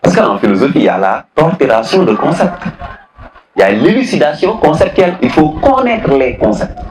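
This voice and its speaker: A man teaches a philosophy class, repeating key phrases, questioning his students, and switching between French and Wolof. His voice is fairly high, sing-song and brisk, captured in a roomy, rough recording with slight hiss or hum.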